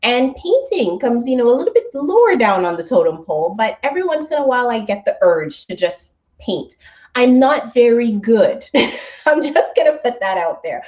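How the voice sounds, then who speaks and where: This thirtysomething woman, hosting a travel company's relaxed weekly live stream from home, has a highish, sing-song voice with a darkish tone at a normal pace. Allergies make her sound a bit stuffy, yet she chats brightly with viewers and often laughs. Her laptop mic yields dull audio.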